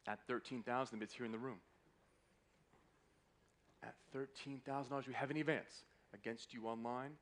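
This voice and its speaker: Guy doing fine art auctioneer stuff, medium pitched voice, courteous bid calling, repeats the numbers a lot. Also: fairly even intonation, normal speed, long pauses. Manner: polite, courteous patter repeating bids. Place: live auction room in a hotel.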